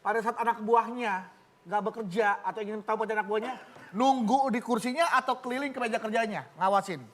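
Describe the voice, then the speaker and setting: Argumentative contestant with a very high voice. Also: male voice, a little fast, a bit bright. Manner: argumentative, lectures the host. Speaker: quiz contestant. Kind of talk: comedic banter.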